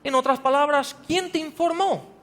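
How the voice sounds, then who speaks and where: This male pastor's voice is very high-pitched and a bit bright, delivered at normal speed as he preaches in a church hall. Long hall reverb surrounds his sermon, where he pushes the congregation with rhetorical questions and climbs into emphatic passages.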